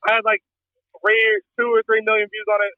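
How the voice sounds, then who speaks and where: A man's voice: sits high, monotone, a little fast, dry recording, narrow, tinny audio. A man telling profane, joking stories in a rambling casual chat as a podcast guest. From Pennsylvania.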